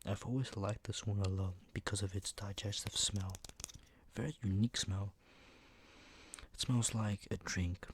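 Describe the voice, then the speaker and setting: A young man speaking in a soft ASMR half-whisper, unhurried and rambling, with a slightly sore, flu-worn voice. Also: on the low side. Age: young adult. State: mildly sick, recovering from flu, sore voice. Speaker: ASMR video host. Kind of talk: ASMR, soft-spoken product show-and-tell. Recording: noticeable background noise with clicks.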